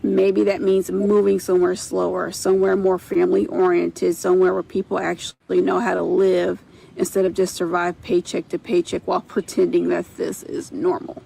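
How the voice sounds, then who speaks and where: Male, high and very gravelly, flat delivery, weary frustrated venting. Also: normal speed, a little hiss or hum, poor audio. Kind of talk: venting to camera in a clip.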